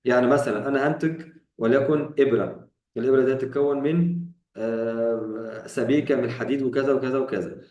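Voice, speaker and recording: A man's voice: medium pitch, fairly even intonation, quick pace, hardly any pauses, a little mellow, roomy sound, distant mic, dull audio. A man with an Egyptian Arabic accent teaching English vocabulary, explaining each term in colloquial Arabic and asking his students questions. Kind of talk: vocabulary lesson.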